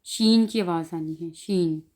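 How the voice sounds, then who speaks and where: A woman with a Pakistani Urdu accent teaching an online class, speaking slowly and drawing out and repeating each example sound. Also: lowish voice, dark tone. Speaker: language teacher. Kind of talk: online class explaining pronunciation.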